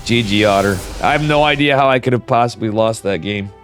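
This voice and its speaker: A man's voice: lowish voice, a little fast, a bit bright. Guy casting a game, chatty and slangy, stuffed up with a cold, nose whistling, music behind him. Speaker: esports commentator. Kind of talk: casual live game commentary.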